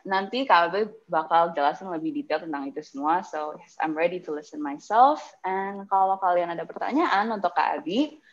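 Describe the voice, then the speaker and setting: This young woman hosts an online workshop with an Indonesian accent, chatting informally and code-switching between two languages as she talks through a face mask. Her pitch sits fairly low, and she sounds animated and slightly quick. She's on a video call in a public place, and the sound is muffled and dull.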